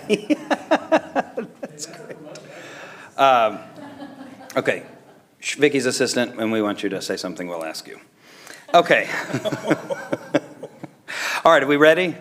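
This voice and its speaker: Male meeting chair, mid-pitched, conversational and accommodating, informal procedural talk. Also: lively intonation, brisk, a bit bright. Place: indoor council chamber, dais microphone.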